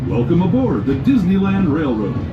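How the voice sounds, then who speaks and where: A man's animated, fairly high voice narrates a tour through a train PA loudspeaker. It sounds echoey and far off, muffled, under background noise. His scripted delivery is upbeat and playful. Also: normal speed. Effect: prerecorded narration over a train PA loudspeaker.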